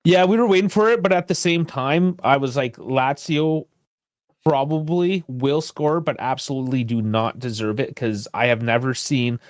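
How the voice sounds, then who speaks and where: A man's voice: medium pitch, normal speed, no room sound. Blunt man trashing a referee. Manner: blunt, dismissive, profane. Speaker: podcast co-host. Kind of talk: casual sports chat.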